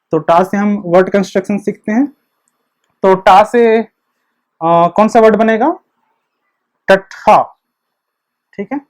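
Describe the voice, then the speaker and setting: A man giving an online video lecture, explaining slowly and step by step while he writes. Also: high-pitched, darkish tone. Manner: slow, step-by-step explaining, repeating the same check word. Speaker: teacher of a script.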